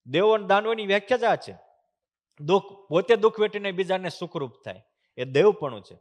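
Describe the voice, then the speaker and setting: A man giving a temple sermon. He tells devotional stories, chants verses, and moves between loud emphasis and soft hushed passages. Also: sits high, animated, fairly quick. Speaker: swami giving a discourse. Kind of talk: sermon with storytelling. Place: temple hall.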